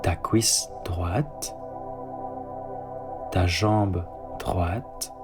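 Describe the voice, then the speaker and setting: A man leading a guided sleep meditation and bedtime story, speaking softly and calmly. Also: low-pitched. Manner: slow, soft, calm guiding delivery. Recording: soft ambient synth music underneath.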